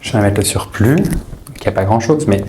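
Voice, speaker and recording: Low-voiced, teasing man. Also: moderate pace, background noise. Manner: chatty and teasing, with playful asides. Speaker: makeup tutorial host. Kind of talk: casual makeup tutorial.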